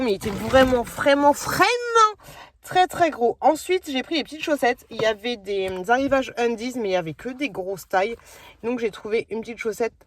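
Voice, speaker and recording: Woman, 30s, family vlogger, casual rambling phone-camera chat, somewhat high voice. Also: a little hiss or hum. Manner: chatty and rambling, many fillers and restarts.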